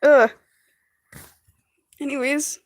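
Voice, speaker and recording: A woman's voice: sits high, steady tone, extremely slow, dry recording. A woman casually reading fan fiction aloud on a livestream, often giggling, tripping over words and chatting with her viewers. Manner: giggly, stumbles over words and chats with viewers between lines.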